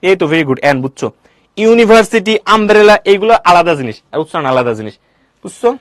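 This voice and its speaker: A male teacher giving a classroom grammar lecture, quizzing students with quick questions and answering them himself. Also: high-pitched, big pitch swings, a bit bright, no echo, clean studio sound.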